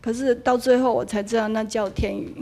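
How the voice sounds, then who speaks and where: A woman's voice: on the high side, steady tone, brisk, vocal fry, warm tone, soft background music. A woman with a Taiwanese accent, in her thirties or forties, telling a teacher her personal story, slipping into Taiwanese Hokkien when quoting people. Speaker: attendee asking a spiritual teacher. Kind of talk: personal testimony in a dharma hall.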